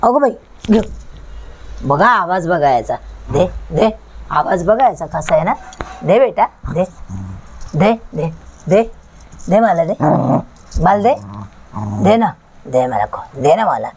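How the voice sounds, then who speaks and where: A woman's voice: fairly low pitch, animated, takes it slowly, long pauses, a little mellow, breathy edge. A woman vlogging as she coaxes her pet dog in repetitive baby talk. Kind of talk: casual vlog talking to her dog.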